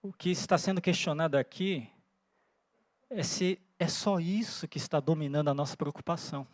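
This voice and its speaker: During a church sermon, a pastor in his forties who was born in Japan and grew up in Brazil speaks earnestly, thinking aloud and often stopping for "né?" His voice sits a little high, and there's no room sound.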